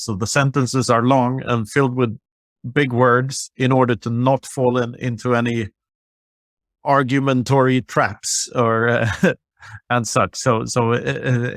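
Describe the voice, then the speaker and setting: A man hosting a podcast, chatty and quick to laugh, with many fillers and restarts. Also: mid-range voice, fairly bright tone, no echo, clean studio sound. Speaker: podcast host. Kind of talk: casual chat.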